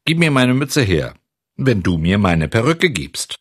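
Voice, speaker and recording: A man voicing a jittery, blustering old village carpenter in a storybook reading, loud and exclaiming. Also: on the low side, very animated, measured pace, husky, dry recording, clean studio sound, pitched above the performer's own voice, full character voice. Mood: bargaining.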